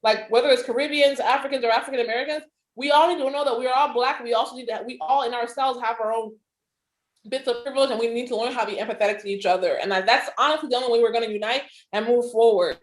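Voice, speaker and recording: High-voiced woman in casual chat. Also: fast, roomy sound, low-quality recording. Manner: candid, filler-heavy, acts out quoted voices. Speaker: podcast co-host.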